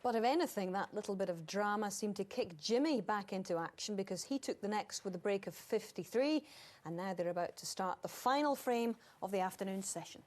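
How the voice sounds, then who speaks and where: A woman's voice: medium pitch, animated, fairly quick, a little mellow. A woman presenting a snooker broadcast with fluent, polished, lightly chatty scripted links. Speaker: sports presenter.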